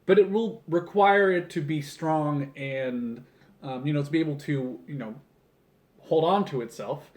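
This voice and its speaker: A Canadian man in his early twenties, a video creator building a toy model, chats in a rambling, informal vlog style, often breaking off for jokey asides. His voice is on the high side and darkish, with a measured pace. He sits at a table in a small room at home, recorded by a camera on a tripod a metre or two away.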